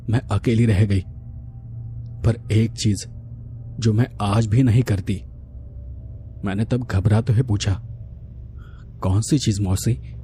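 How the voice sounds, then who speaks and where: A man narrating a horror story in a slow, measured, hushed way. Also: fairly low pitch.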